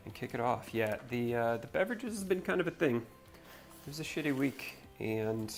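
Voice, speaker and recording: Faint music plays behind this North Carolina man as he hosts a livestream and builds. He rambles in a relaxed, casual way, his medium-pitched voice animated and at a moderate pace.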